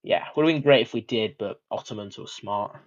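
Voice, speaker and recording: A man's voice: lowish voice, a little fast. A young British man from Britain co-hosting a casual history podcast, rambling loosely and swearing now and then. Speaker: co-host. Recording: slightly dull lo-fi audio.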